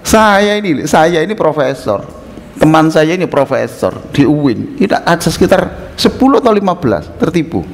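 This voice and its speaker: An older man giving a humorous sermon in a mosque, an animated storyteller who teases his listeners. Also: a little high, moderate pace. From Indonesia. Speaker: preacher. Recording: reverberant mosque hall with faint noise.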